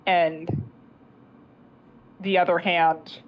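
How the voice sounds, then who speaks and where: A woman player improvising narration of her character's actions in a fantasy game, halting, informal and dramatic. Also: on the low side, flat delivery, highs cut off.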